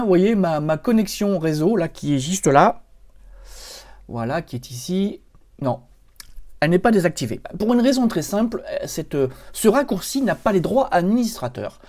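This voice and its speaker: A man's voice: sits high, a little mellow. Chatty French man walking through a PC tutorial. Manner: chatty, explains step by step with many fillers and "hop". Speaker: computer help tutorial host. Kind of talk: screen-recorded software tutorial.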